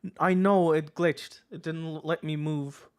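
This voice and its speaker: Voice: mid-range voice, fairly even intonation, unhurried, clear, resonant tone. A streamer from Switzerland, chatting casually and thinking aloud while playing, joking and swearing as they guess. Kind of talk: casual gaming stream chat.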